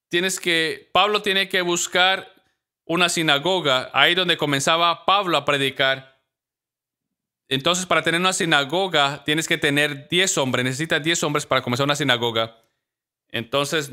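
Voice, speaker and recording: A man preaches from a church stage with a notably bright, sharp tone and a slightly higher pitch than most men. He tells his stories with animation and slips into the voices of the people he describes. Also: unhurried, smooth. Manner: animated storytelling, acting out quoted voices. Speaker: pastor. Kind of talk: sermon.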